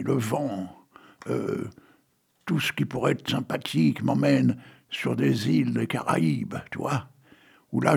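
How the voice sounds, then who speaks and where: A man's voice: medium pitch, gravelly, husky. A man in his eighties hosting a radio show, chatting in a teasing, rambling way and reading poems aloud. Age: 80s. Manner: chatty and teasing, full of "hein" and "bon" fillers. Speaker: radio host. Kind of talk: casual radio chat with poetry readings.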